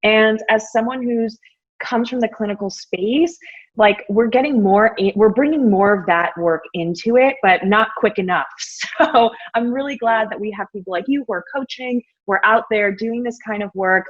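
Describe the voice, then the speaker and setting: A woman's voice: fairly high pitch, normal speed, muffled recording. A woman hosting a podcast, enthusiastic and effusive in casual interview talk. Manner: enthusiastic, effusive, laughs often. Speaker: podcast host.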